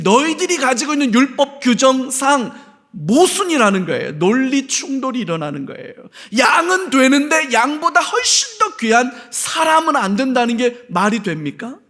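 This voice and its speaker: A man preaching a sermon as pastor, animated, with rhetorical questions to the congregation and homely humor. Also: extremely high pitch. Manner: homely humor with everyday anecdotes.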